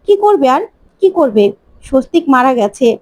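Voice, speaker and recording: A woman's voice: high voice, sing-song, normal speed, a little mellow, rough recording. A woman reading the lines of a daughter-in-law who speaks bluntly and in pointed warnings. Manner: pointed, cautioning.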